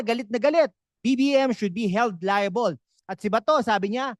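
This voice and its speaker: A woman hosting lively political commentary, animated and peppering her lines with little "ha" and "no" tags as she mixes in English phrases. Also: fairly high pitch, dry recording, clean studio sound. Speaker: host of a political commentary channel.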